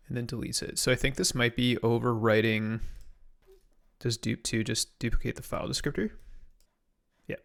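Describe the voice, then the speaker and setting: A man's voice: medium pitch, vocal fry, a bit bright. A young man from Canada, live-streaming a reverse-engineering session, thinking aloud casually and answering chat. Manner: casual, muttering to himself, reading chat questions.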